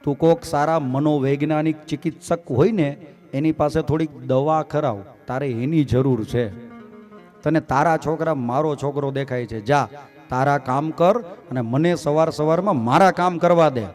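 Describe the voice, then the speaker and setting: A dismissive, scolding mother waves off a shouting neighbour, as a male storyteller plays her. She speaks, a little higher than a plain man's voice. Faint instrumental music sits in the background. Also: normal speed, close to an everyday voice. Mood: scornful. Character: irritated mother, adult woman, scolding.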